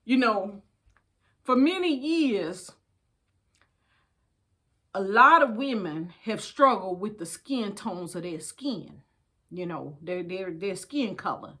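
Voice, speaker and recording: Speaking slowly at a medium pitch, she pauses often, with lively intonation and a fairly bright tone. The older American storytime host chats casually and reads from a book, folksy and emphatic, addressing listeners as babies and repeating phrases for emphasis.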